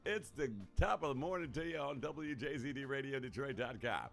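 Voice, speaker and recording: A man's voice: mid-range voice, fairly quick, vocal fry, fairly bright tone, faint music behind, voice pushed up. A man putting on an exaggerated, sing-song announcer voice as a cheesy morning radio DJ. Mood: hammy.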